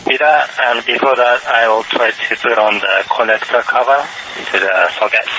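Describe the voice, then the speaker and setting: A man working as an astronaut, reporting procedurally and haltingly, with pauses mid-sentence, over a space radio link. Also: mid-range voice, pushed and bright. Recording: noisy space-to-ground radio.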